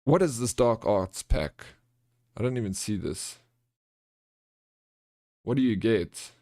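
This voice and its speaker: A livestream host with a South African accent chats casually and answers viewers in a chummy, informal way, calling them bro and friend. His lowish voice has a darkish tone and lively intonation, and he speaks slowly. The sound is clean studio quality with no echo.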